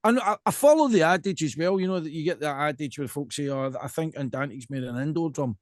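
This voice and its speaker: A Scottish podcast host with a fairly high voice leads a casual chat, recorded dry and close-miked. He talks quickly, rambling emphatically through his questions and repeatedly checking that listeners are keeping up.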